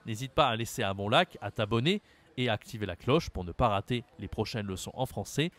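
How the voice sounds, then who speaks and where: A man from France teaching a French lesson, slowly over-articulating example words and speaking directly to the learner. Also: fairly low pitch, expressive, a bit bright.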